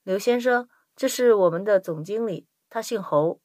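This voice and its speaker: A woman acts as a courteous young female intern in a language-lesson dialogue. Her pitch sits in the middle for a woman. The sound is dry and close, with a polite, scripted delivery. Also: normal speed, a little mellow, no room sound, lightly acted. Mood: polite, welcoming. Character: polite young Chinese American woman intern greeting a visitor.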